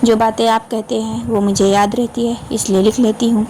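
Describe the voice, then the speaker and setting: A woman voicing a shy young newlywed woman who speaks softly in an audiobook. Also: a little high, level tone, normal speed, slight background noise, close to an everyday voice, poor audio. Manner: shy, soft-spoken.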